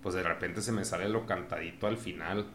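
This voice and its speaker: A man with a northern Mexican accent chatting casually on a podcast, telling stories in an animated, laughing way. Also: sits low, fairly quick, a little hiss or hum. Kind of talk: casual chat.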